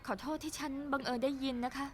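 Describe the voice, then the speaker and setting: Woman voicing a young woman, polite, spirited, high, fast, dubbed drama. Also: fairly even intonation, natural voice. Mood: earnest. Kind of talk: Thai-dubbed TV drama dialogue.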